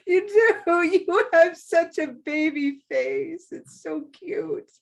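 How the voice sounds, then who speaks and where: A woman's voice: very high voice, takes it slowly, creaky. A woman in her thirties hosting a casual video-call chat, earnest and often giggling as she teases. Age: 30s. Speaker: club owner and discussion host.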